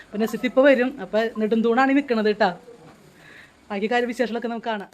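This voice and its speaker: A woman's voice: a little high, fairly even intonation, fast. A woman with a Thrissur Malayalam accent chatting and coaxing elders in an old age home. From Kerala. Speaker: vlogger. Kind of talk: casual vlog chat.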